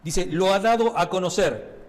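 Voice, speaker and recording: At a normal pace, a high-voiced pastor with a Rioplatense Spanish accent preaches conversationally in a church sanctuary. Tag questions keep his listeners engaged, and a long hall reverb fills the space.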